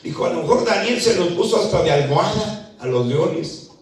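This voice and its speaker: A man with a high voice preaches a sermon and leans hard into the scripture he retells, often building up to a shout. He sounds some way from the mic, and the church around him rings with a heavy echo. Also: lively intonation. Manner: rises to shouting when retelling scripture, slow emphatic reading. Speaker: pastor. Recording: echoey church hall, mic at a distance.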